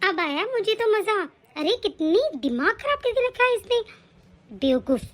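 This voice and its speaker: A woman's voice: very high voice, sing-song, measured pace, heavily acted. A woman voicing a spiteful, scheming young woman in a cartoon, sneering and bossy. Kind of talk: cartoon voice acting.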